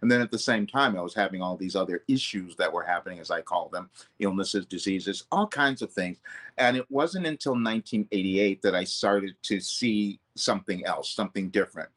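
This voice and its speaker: A man who works as a vocal coach reflects earnestly in an interview, speaking loosely and often correcting himself mid-sentence. His voice is deep and brisk with a fairly bright tone.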